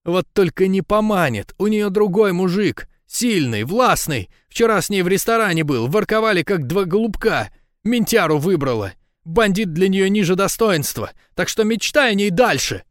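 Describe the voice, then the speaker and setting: A man reading an audiobook, voicing a jealous, tearful young woman who shouts her accusations. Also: expressive, moderate pace, dry recording, clean studio sound. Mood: mocking. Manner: shrill, accusing, breaking into shouts. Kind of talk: audiobook dialogue.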